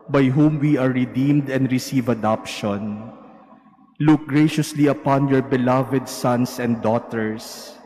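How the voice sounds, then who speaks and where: A man leading Mass as a priest, speaking each line of the liturgy slowly and with care. His voice sits in an ordinary middle pitch. It rings through a large cathedral with a long, lingering echo. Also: mellow. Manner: slow, measured recitation. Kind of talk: liturgical prayer.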